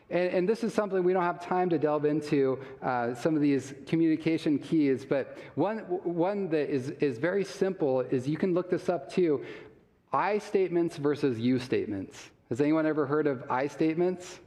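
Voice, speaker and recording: A man's voice: on the high side, darkish tone. A man giving a live health seminar talk, chatty and questioning the audience, chuckling often. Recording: long reverb of a large hall.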